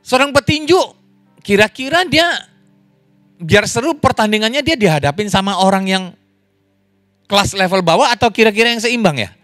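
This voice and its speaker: A man preaching a lively sermon as pastor, in an online church service, joking and laughing with the congregation. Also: normal speed, pauses often, no echo, clean studio sound, faint music behind. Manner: animated, wide pitch swings, jokes and laughs.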